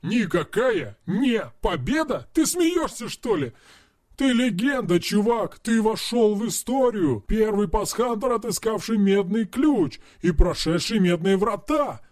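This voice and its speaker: A loud, foul-mouthed young friend bursts through this audiobook scene, voiced by a man. He rides high in his voice and swings it wildly as he jeers and shouts. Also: sing-song, a little slow, dry recording, studio quality. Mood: excited. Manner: yelling, swearing, mocking. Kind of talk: audiobook character reading.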